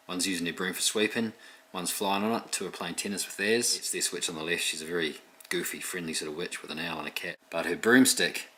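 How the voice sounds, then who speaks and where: A man, an illustrator, chatting in a relaxed way about his own artwork with frequent ums, recorded as a close voice-over. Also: low-pitched, slight background noise, low-quality recording. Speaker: picture book illustrator.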